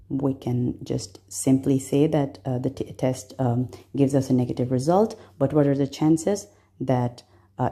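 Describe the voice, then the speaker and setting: A woman's voice: very deep voice, mellow. A woman from Bangladesh, a medical student walking through exam concepts step by step, patient, with frequent fillers.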